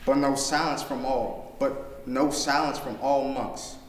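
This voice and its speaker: A man's voice: medium pitch, fairly even intonation, unhurried, slight background noise. Teen boy reading rhyming poetry. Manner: rhythmic, rhyming delivery. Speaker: student poet. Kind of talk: spoken word poetry reading. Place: classroom. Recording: echoey room.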